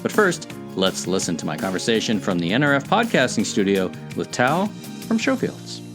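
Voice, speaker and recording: Over background music, a male podcast host with a lowish voice and big pitch swings speaks at a moderate pace. Working from an open-roof trade show booth, he reads a scripted intro for his retail podcast, then interviews a guest, restarting some questions hesitantly.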